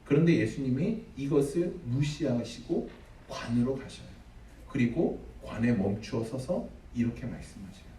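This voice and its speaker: A man's voice: mid-range voice, expressive, normal speed, dark tone, a little hiss or hum. A man preaching a sermon as pastor, dramatic, acting out the figures he quotes. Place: church sanctuary. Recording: echoey hall, mic at a distance.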